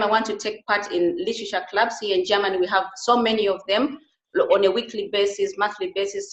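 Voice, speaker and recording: A middle-aged woman from Uganda talks as an interview guest, earnest and halting, often restarting her sentences. Her voice sits in an average range. The recording carries a roomy echo. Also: mid-range voice, a bit bright. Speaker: interview guest, beauty and wellness therapist. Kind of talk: conversational interview. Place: Germany.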